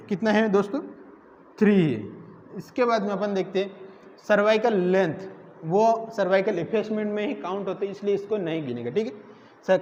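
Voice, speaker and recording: A man with a high-pitched, darkish voice teaches a nursing exam class, repeatedly posing questions to the students and then answering them himself. It's a classroom lecture captured in an echoey room with dull, lo-fi sound and faint noise.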